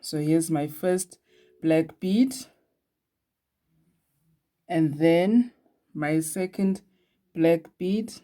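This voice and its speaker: A woman's voice: deep voice, drawn-out words, long pauses, mellow. A woman hosting a casual beadwork tutorial, chatty and laughing at herself now and then. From Eswatini. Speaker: beading tutorial host.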